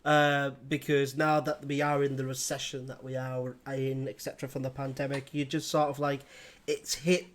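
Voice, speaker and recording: A man's voice: medium pitch, level tone, slight background noise. A man interviewing a band in casual chat, rambling with many restarts. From England. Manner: rambling, laughs often, halting restarts.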